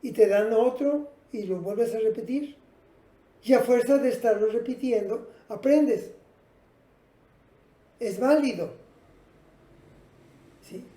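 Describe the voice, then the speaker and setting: A woman teacher gives a patient, step-by-step classroom lesson, talking straight to her students. Her voice is dark and mellow yet sits fairly high. The sound is roomy and echoey. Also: slow, pauses often. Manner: patient, explanatory, addresses students directly. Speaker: English teacher.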